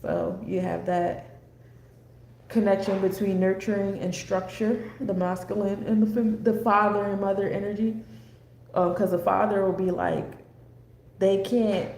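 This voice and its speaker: A woman's voice: mid-range voice, fairly even intonation, normal speed, creaky, a little mellow. An American woman presenting an astrology forecast in a casual, unscripted lecture with a rambling, conversational, digressive manner. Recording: echoey room with faint background noise.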